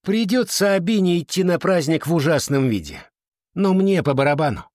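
A man's voice: medium pitch, animated, normal speed, dry recording, studio quality, natural voice. A man voicing a snobbish, bossy schoolgirl in an audiobook, with a snappy, sneering delivery. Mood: snappy haughty.

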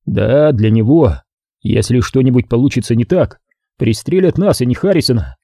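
A man's voice: mid-range voice, expressive, normal speed, vocal fry, warm tone, dry recording, studio quality. A man reading an audiobook voices a jumpy, nervous male gunman. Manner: anxious, jittery.

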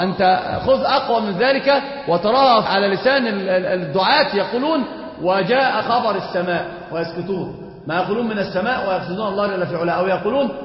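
The recording is dull and lo-fi, made in an echoey hall where an Islamic teacher lectures on creed. He talks fast in a high voice, asking his students questions and supplying the answers himself.

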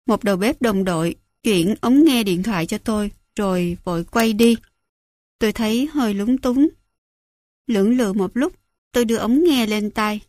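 A woman narrating a first-person story as an audiobook, in a measured and reflective way. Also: medium pitch, a little mellow, no room sound, clean studio sound.

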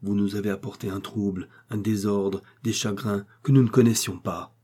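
A man's voice: lowish voice, fairly even intonation, moderate pace, dark tone, breathy edge. A man reading the lines of a proud young heiress who vehemently accuses a man, with scornful fervor. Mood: accusing.

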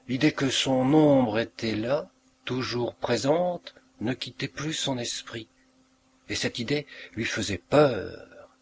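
A man reading a literary short story aloud with a measured, expressive narration. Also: lowish voice, a little hiss or hum. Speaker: audiobook reader.

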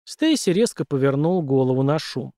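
A man narrating an audiobook in a steady, expressive reading. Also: medium pitch, normal speed, no room sound, clean studio sound.

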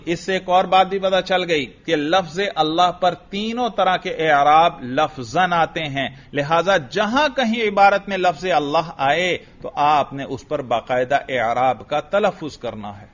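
A male religious teacher giving a classroom grammar lecture, drilling students with repeated questions and chanting phrases slowly in a sing-song. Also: fairly high pitch, a bit bright. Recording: dull lo-fi lecture recording.

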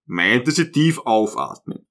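A man reads a classic novel aloud in a steady, measured voice of middling pitch. His narration is calm and even, setting out long sentences with care. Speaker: audiobook narrator. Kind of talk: literary audiobook narration.

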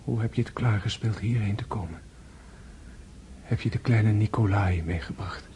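An actor playing a gentle dying nobleman in a radio drama, weary and tender, with weak, halting delivery. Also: fairly low pitch, slight background noise, close to an everyday voice. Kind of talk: literary radio drama acting.

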